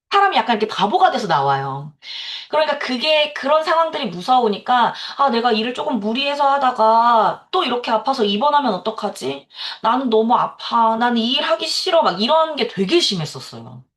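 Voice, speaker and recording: A woman's voice: on the high side, big pitch swings, normal speed, fairly bright tone. A woman in her thirties giving a lecture to salon owners, telling a personal story in a candid way and laughing often.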